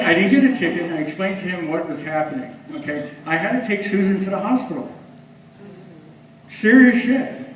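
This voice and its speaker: Higher-voiced male comic, self-mocking and chatty. Booming room echo, heard from far off. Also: slight background noise. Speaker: stand-up comedian. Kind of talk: stand-up comedy set. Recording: echoey club from far off. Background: audience laughing.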